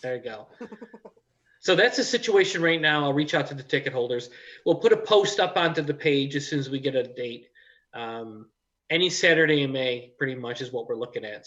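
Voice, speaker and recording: A man's voice: medium pitch, a bit bright. A man hosting a casual live chat, explaining things in a plain-spoken way. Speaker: event organizer and show host. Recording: dull lo-fi audio.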